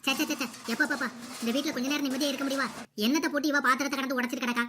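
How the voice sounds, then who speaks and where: Woman doing a cartoon mother-in-law, high voice, fast nagging. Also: fairly even intonation, noisy background, natural voice. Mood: scolding. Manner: nagging, scolding, sharp-tongued. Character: scolding middle-aged mother-in-law, nagging and bossy. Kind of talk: cartoon comedy voice acting.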